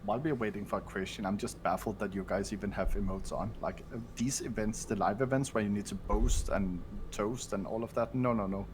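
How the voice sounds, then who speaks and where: Lowish, wry man in podcast chat. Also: a little fast, few pauses, noisy background. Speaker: podcast guest.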